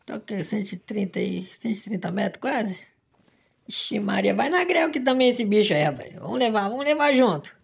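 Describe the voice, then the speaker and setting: An overexcited man narrates his hunting game play by play. He talks in bursts of exclamations and keeps calling out to his audience, his emotional energy running high all the way through. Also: expressive, fairly quick, creaky, slightly rough. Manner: exclamatory, emotional, fills lines with "rapaz". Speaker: gaming channel host. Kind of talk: excited hunting-game commentary.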